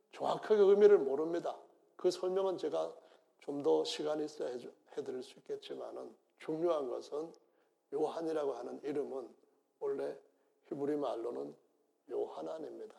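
A gravelly male pastor preaching a sermon with a somewhat high but dark, mellow voice. He tells the story vividly and acts out the quotes, now hushed, now loud. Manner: storytelling, acts out quotes with big swings in loudness.

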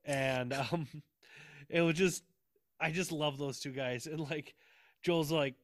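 A man's voice: a little high, fairly even intonation, takes it slowly, no room sound, studio quality. Rambling, laughing man telling road stories. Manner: rambling, laughing storyteller who swears freely. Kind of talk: casual recap chat.

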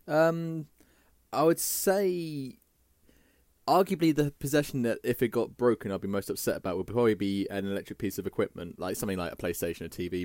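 A man's voice: medium pitch, a little mellow, dry recording, studio quality. A man with a Southern English accent, a podcast guest chatting casually and joking around. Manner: chatty, jokey, quick to laugh. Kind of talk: casual chat.

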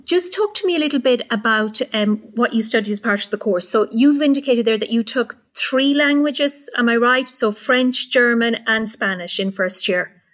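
Slightly high-voiced Irish woman interviewing. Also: normal speed, a bit bright. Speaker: podcast host.

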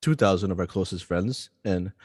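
A man co-hosting a casual podcast, an animated storyteller who rambles and restarts his sentences. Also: sits low, moderate pace, breathy edge, no echo, studio quality, in a large hall. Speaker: podcast co-host.

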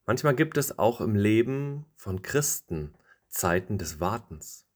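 A man, a pastor, giving a scripted devotional reading and telling a story with an expressive delivery. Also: fairly low pitch, slow pace.

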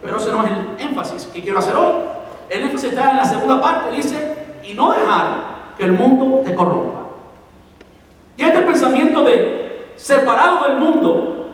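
Male pastor, sermon delivery, very high voice, repeats for emphasis, distant mic in a reverberant hall. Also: big pitch swings, moderate pace, long pauses, crowd noise. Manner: explains points and repeats them for emphasis. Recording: echoey hall, voice from far off.

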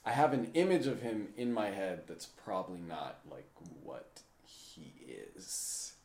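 A woman's voice: very deep voice, sing-song, a little slow, darkish tone. A woman co-hosting a podcast in casual chat, giggling and jumping between thoughts. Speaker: podcast co-host. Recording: echoey room.

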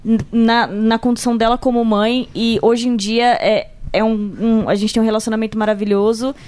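A woman's voice: a little high, flat delivery, moderate pace, darkish tone, smooth, no echo. A young woman speaking emotionally and tenderly in casual chat, with dry self-mocking asides.

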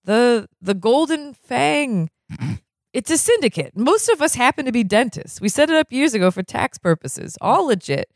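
A reader voicing a manic, coked-up male dentist who lets out shrill squeals and jumps suddenly in pitch. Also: very animated, normal speed, no room sound, clean studio sound. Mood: excitable.

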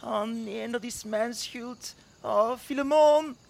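Man voicing a flustered, high woodpecker. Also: takes it slowly, vocal fry, exaggerated voice. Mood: panicked. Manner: fussing, apologetic, flustered. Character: fretful, clumsy male woodpecker.

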